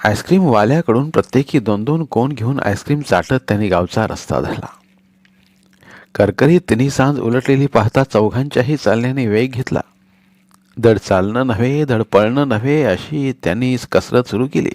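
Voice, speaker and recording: A man's voice: medium pitch, moderate pace, a little mellow, dry recording. Man reading a storybook, dry sound. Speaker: story narrator.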